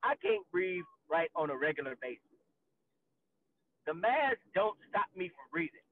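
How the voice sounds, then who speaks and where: A man's voice: high-pitched, moderate pace. Ranting man on a tinny call line. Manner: animated, ranting, profane, mocking voices. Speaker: podcast co-host. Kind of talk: casual chat over video call. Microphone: video call. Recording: tinny phone-like video call line with faint noise.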